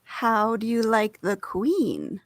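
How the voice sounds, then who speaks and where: A woman plays a curious storybook cat. The voice is fairly high and takes its time, leisurely and probing. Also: very animated, takes it slowly, exaggerated voice. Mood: coolly curious. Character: unhurried, inquisitive Cheshire Cat. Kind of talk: storybook live read.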